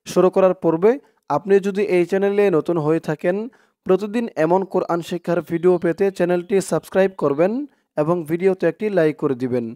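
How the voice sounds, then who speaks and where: High-voiced man teaching recitation slowly. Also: warm tone, no room sound, studio quality. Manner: spells out words letter by letter, drawing out long vowels. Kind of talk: spoken lesson with slow chanted recitation.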